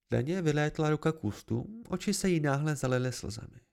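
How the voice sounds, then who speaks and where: A man's voice: fairly high pitch, expressive, vocal fry, a little mellow. A man giving an amateur first-person novel narration, reading expressively. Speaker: audiobook reader.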